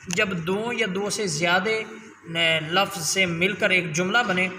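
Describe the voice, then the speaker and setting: A man teaching Quran letter pronunciation in a patient, explanatory way. He draws each letter out slowly as he demonstrates it. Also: sits high, steady tone, pushed and bright, slight background noise. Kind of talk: spoken lesson with letter drills. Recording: echoey room with long reverb.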